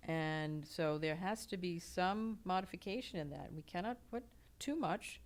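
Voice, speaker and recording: A woman speaking as a podcast guest, hesitant and halting, with frequent pauses and restarts. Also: lowish voice. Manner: hesitant, many fillers and restarts. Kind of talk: casual conversation.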